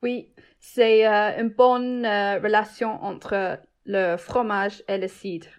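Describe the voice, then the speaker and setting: A woman whose first language is English, a guest cook chatting in a halting way, searching for words. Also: medium pitch, steady tone, smooth. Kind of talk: casual cooking chat.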